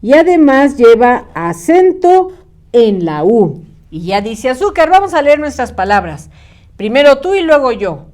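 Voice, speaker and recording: Woman, children's teacher, slow, stretched-out syllables, encouraging. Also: high voice, very animated, darkish tone. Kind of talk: children's spelling lesson.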